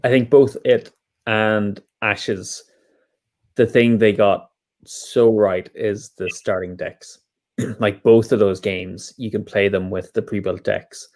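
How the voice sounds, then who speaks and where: A man with a slightly low voice talks calmly as a podcast co-host. He builds on his partner's points in an easy, agreeable way. His delivery is steady and unhurried. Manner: measured and agreeable, adding to the other host's points. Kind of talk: casual chat about board games.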